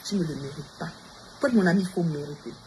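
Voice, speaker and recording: A woman with a deep, slightly mellow voice speaks fast in a defiant Montreal livestream rant. She addresses her rivals directly and challenges them over and over amid noisy background ambience.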